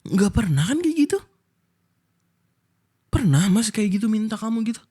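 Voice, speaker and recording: Reproachful man in soft whispered role-play. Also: high voice, very animated, moderate pace, slightly rough. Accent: Indonesian. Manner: hurt, reproachful scolding. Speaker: husband in audio role-play.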